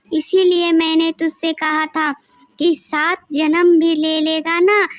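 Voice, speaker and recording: A woman's voice: very high voice, dry recording. A woman voicing an elderly mother who scolds and pleads with her son in a cartoon story.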